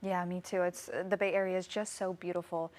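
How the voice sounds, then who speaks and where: A woman's voice: on the low side, flat delivery, a little fast, a little mellow. A young woman in her twenties hosting a studio TV talk show, upbeat and gushing as she interviews a guest. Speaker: TV show host. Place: TV studio set. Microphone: lapel mic.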